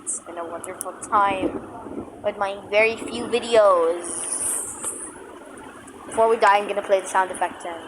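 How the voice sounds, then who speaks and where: A woman vlogging outdoors by her apartment in a thunderstorm, filming on a tablet, excitable and sarcastic. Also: mid-range voice, measured pace, pauses often. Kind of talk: casual vlog narration while filming a storm. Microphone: tablet camera. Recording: tablet recording with loud rain noise.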